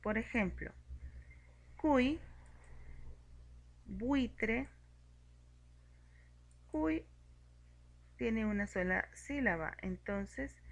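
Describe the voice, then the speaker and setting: A woman teaching a grammar lesson, explaining each example slowly and clearly. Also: mid-range voice, fairly bright tone. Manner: slow, clear and methodical, spelling out examples.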